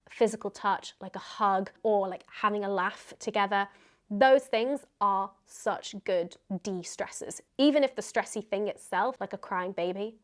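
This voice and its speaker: A woman with a medium-pitched voice hosts a casual vlog, answering questions. She talks in a candid, conversational way, as though working out her thoughts aloud. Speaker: video host answering viewer questions.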